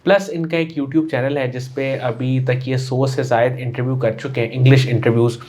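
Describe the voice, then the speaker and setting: A man's voice: medium pitch, steady tone, a little mellow. A man hosting an interview show, introducing his guest and asking polite, formal questions. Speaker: interview host.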